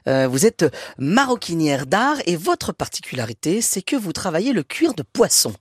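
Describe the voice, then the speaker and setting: Male radio host, animated delivery, slightly husky, dry studio sound. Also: high-pitched, normal speed, dry recording. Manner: lively, chatty, playful teasing. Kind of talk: radio show chat.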